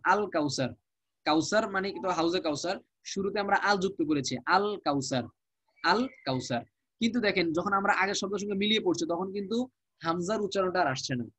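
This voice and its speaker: A man with a Bangladeshi Bengali accent teaching a live online Quranic Arabic class, explaining slowly and repeating each word with its translation. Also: high voice, a bit bright, dry recording.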